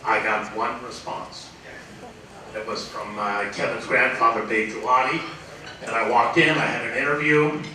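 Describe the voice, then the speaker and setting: A man's voice: mid-range voice, fairly even intonation, moderate pace, sharp tone. A man in his sixties giving a rambling acceptance speech at an awards dinner, full of uh fillers as he tells stories from his career. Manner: rambling storyteller, full of uh fillers, acts out quoted voices. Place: large banquet hall at an awards dinner. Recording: echoey hall, distant mic, room noise.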